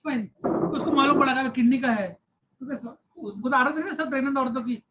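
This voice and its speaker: A man in his thirties, a science teacher, tells a lively personal story to his class, acting out groans of pain and mixing English phrases into Hindi. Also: extremely high pitch, a little fast, noisy background. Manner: animated, acts out cries of pain, mixes English into Hindi.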